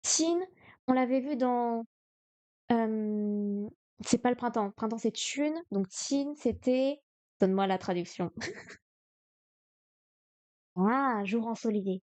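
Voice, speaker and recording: A woman's voice: fairly high pitch, takes it slowly, long pauses, darkish tone, dry recording. A woman streaming a live study session, thinking aloud hesitantly with many fillers. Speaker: streamer learning Chinese.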